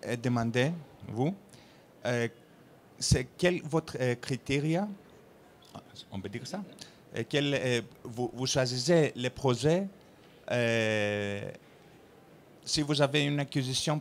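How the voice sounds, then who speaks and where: Halting man with a foreign accent in French. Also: mid-range voice, a little hiss or hum. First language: not French. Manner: halting, searching for words in non-native French. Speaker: audience member asking a question.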